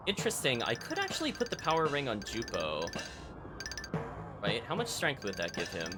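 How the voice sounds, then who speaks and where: Pitch swooping wildly in a mid-range voice, this man talks at a normal speed while live-streaming a game, musing aloud and addressing his audience. Video game music plays in the background.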